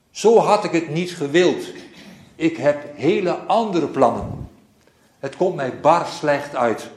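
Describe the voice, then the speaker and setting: A man preaching a sermon, with a slow, measured and reflective delivery that often repeats phrases. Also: on the high side, roomy sound.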